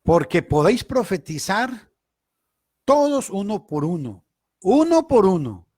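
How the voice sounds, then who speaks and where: A man teaching a Bible study in a preaching style, emphatic, swinging between loud stressed words and quiet asides. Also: high voice, sing-song, measured pace, no echo, studio quality.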